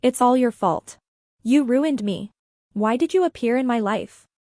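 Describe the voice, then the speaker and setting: A woman's voice: on the high side, a little slow, mellow, no room sound, clean studio sound, natural voice. A woman voicing a bitter, vengeful young woman in an audiobook story, with an accusing, resentful manner.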